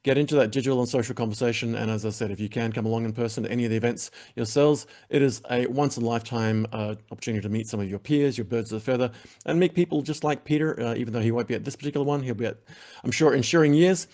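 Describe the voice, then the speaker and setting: Wrapping up a web TV interview, a male host rattles off upbeat, rambling plugs to the audience, full of fillers. He speaks very fast in a medium-pitched, slightly mellow voice.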